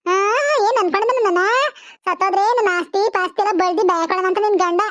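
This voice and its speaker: A woman voicing a loud, fussing old village mother in a cartoon, speaking in a rustic village dialect. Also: very high-pitched, steady tone, fast, no echo, highs cut off. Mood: angry. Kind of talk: cartoon voice acting.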